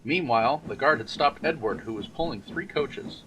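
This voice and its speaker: A man narrating a children's railway storybook in an expressive, measured way. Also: medium pitch, a little hiss or hum. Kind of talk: storybook reading.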